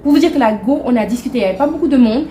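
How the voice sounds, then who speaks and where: Young woman doing a storytime vlog, kinda high voice, indignant, echoey room. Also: lively intonation, rapid-fire, mellow, a little hiss or hum. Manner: chatty and indignant, mixing in English and Wolof. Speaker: vlogger.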